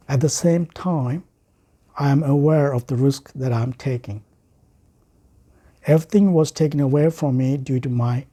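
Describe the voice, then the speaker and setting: A Sri Lankan writer and speaker reads a prepared speech in a very dark, soft-edged, husky voice of middle pitch. He speaks formally and deliberately, pausing to set off phrases for emphasis.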